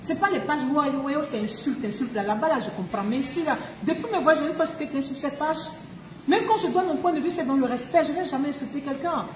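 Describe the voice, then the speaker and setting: A woman streams live, giving relationship advice emphatically, laughing often and repeating her key phrases. She speaks fast in a high voice, and the echoey room recording carries a little hiss or hum.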